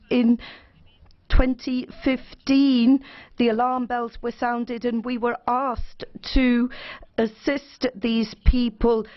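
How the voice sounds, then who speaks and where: A woman with a fairly high voice interprets a parliament speech in real time. Her delivery is steady and earnest. The sound is muffled, like a lo-fi broadcast feed.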